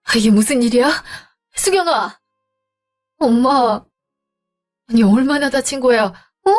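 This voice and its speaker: A woman's voice: fairly high pitch, moderate pace, soft background music, natural voice. A woman voicing a worried older mother in an audio drama, fussing and indignant. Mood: alarmed.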